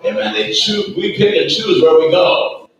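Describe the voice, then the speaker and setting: This is a man delivering a sermon in a heavily echoing church room, recorded from well back, so the voice sounds distant and roomy. His voice sits a little higher than most men's and moves through a wide, animated range. He has a folksy way of talking, repeats "Amen" and chuckles softly between points, and there is a faint hiss of background noise. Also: normal speed. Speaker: pastor.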